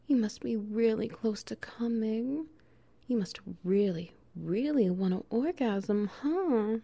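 A woman performing an intimate audio roleplay, talking softly and teasingly, slipping into whispers and low laughs. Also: lively intonation, takes it slowly, vocal fry.

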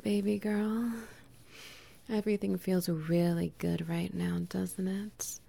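A young adult woman whispers softly and teasingly in an intimate audio roleplay, slipping in quiet laughs between phrases. Her mid-range voice sounds creaky and husky.

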